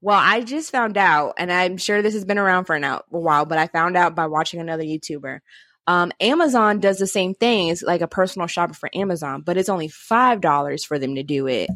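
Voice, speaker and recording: A chatty young woman co-hosting a relaxed conversation, rambling along with plenty of fillers. Her voice sits a little low, and the recording is dry and close with no room sound. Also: brisk, no room sound. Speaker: co-host. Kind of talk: casual chat.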